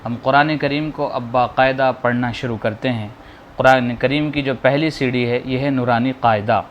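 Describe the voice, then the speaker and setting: A man teaching how to read the Quran, slowly drawing out each letter sound and patiently explaining how to pronounce it. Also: mid-range voice, fairly even intonation, dull audio, a little hiss or hum. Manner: slow, drawn-out modeling of sounds, explaining patiently. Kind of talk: spoken lesson on letter pronunciation.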